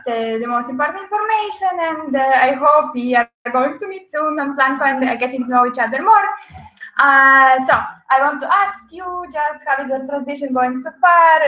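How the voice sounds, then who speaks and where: A young woman presenting a casual online webinar, chatty, with many fillers and frequent laughs. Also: high-pitched. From Ukraine. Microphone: video call. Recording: echoey, dull video call audio.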